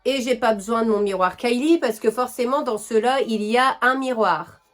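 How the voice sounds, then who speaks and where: Young french girl doing a makeup vlog, chatty and excited, says euh a lot. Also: a little high, moderate pace, soft background music. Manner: chatty, filler-heavy, enthusiastic. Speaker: beauty vlogger. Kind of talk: casual makeup tutorial chat.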